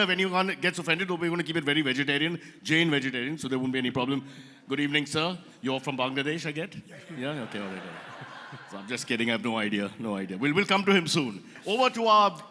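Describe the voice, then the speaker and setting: Bright-voiced Indian comedian roasting a crowd. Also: male voice, fairly high pitch, a little hiss or hum. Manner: teasing rapid banter with crowd asides. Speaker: comedian host. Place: event hall stage. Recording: reverberant event hall.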